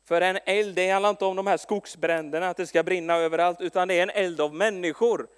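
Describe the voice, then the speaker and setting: A man preaching a sermon with a notably high voice, telling stories in a lively way and often restarting his sentences. His words ring with the long reverb of a large hall. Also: smooth. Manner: lively storytelling with frequent restarts and stumbles.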